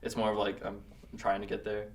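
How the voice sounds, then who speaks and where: A man talking as a podcast guest in casual chat, relaxed and hesitant, full of fillers. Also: lowish voice, fast talker, recorded from a distance. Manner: relaxed, hesitant with many fillers, laughs often. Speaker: guest, cinematographer and director. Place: podcast studio.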